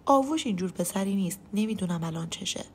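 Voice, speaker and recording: A woman's voice: mid-range voice, expressive, slight background noise, natural voice. A woman voicing a worried older mother-in-law in a spoken story, fretful and pleading. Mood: anxious. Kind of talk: audio story narration.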